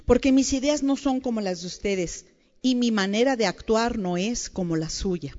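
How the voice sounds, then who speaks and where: Animated woman preaching in a hall. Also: on the high side, normal speed. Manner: animated, playful, asks the audience questions. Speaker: preacher at a women's gathering. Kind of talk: lively conversational sermon. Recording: dull sound with long hall reverb.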